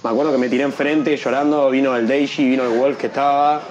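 A young man appears as a guest in an interview, a freestyle rapper telling a story at a fast clip. He is animated and acts out the people he quotes, raising his pitch for their voices. The sound is lo-fi, and a loud crowd can be heard.

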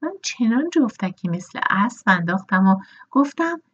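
A woman's voice: medium pitch, big pitch swings, breathy edge, dull audio. A woman voicing a frank, opinionated older lady horse breeder who lectures those around her.

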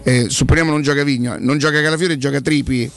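A man's voice: fairly high pitch, fairly even intonation, quick pace, fairly bright tone. A man hosting a casual football radio talk, colloquial and interjecting, repeating phrases for emphasis. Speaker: radio host.

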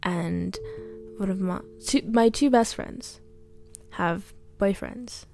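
Young woman with a creaky voice, musing out loud in a diary podcast, faint music behind her. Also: medium pitch, slow pace. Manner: hesitant, trailing off, often drops into a soft whisper. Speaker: podcast diarist. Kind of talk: rambling personal audio diary. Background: faint background music.

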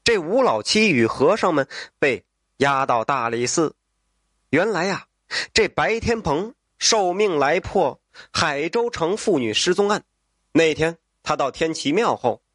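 A man telling a folk tale as a storyteller, with lively asides to the listener and voiced dialogue. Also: a little high, measured pace, no room sound, studio quality.

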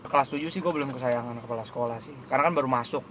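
A man's voice: medium pitch, rapid-fire, fairly bright tone, a little hiss or hum. A young man with in casual chat, brash and teasing.

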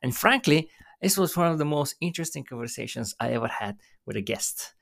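A man's voice: on the high side, animated, brisk, vocal fry, fairly bright tone. Eager man hosting a podcast. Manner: eager, talkative questioner. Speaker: podcast host. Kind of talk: casual interview.

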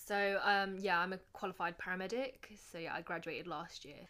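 A woman in her twenties, a paramedic, chatting casually and explaining her work steadily, her voice trailing off quietly at the end of points. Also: lowish voice, steady tone, a little fast. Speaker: paramedic, podcast co-host. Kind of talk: casual chat.

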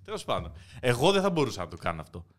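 A young man in casual podcast chat, an animated storyteller who laughs often. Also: mid-range voice. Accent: Greek. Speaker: podcast co-host.

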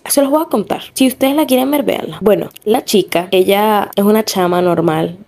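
A woman's voice: mid-range voice, normal speed, gravelly, a little mellow, a little hiss or hum. A young woman with a Venezuelan accent hosting a casual podcast monologue, chatty and rambling, full of fillers and self-corrections. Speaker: podcast host.

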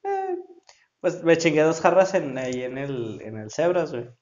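A man's voice: a little high, wildly swooping pitch, normal speed, a little mellow. Slangy Mexican man, roomy dull sound. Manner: slangy, laughs often, swears freely. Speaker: podcast co-host. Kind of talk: casual banter with friends.

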